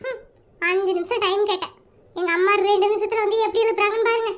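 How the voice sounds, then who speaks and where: Cartoon comedy: performer as a lazy little schoolboy, high and bright, whining and begging. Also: steady tone, fast. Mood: whiny. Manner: whiny begging, chatty asides to viewers. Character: sleepy lazy schoolboy, whiny and pleading. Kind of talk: Tamil cartoon comedy dub.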